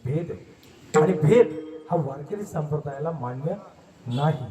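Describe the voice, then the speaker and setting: A man's voice: on the high side, expressive, measured pace, dark tone. A man from Maharashtra preaching a devotional sermon, putting question after question to his listeners. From Maharashtra, India. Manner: preaching with rhetorical questions to the crowd. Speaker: kirtan preacher. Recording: echoey, distant mic with faint music.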